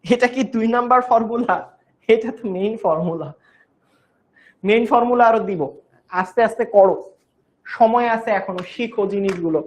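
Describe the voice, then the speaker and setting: Lady teaching chem online, goes slow and repeats stuff, kinda high voice. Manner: patient, repeats each step, coaxes students with "baba". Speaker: chemistry teacher. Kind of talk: online class lecture.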